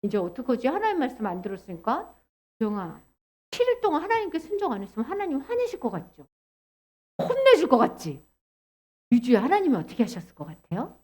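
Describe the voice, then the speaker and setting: A woman delivers a children's sermon, acting out the story and quizzing the kids. Her voice is very high and lively, swooping up and down as she narrates. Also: fast talker, pauses often. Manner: animated, acts out voices and asks children questions.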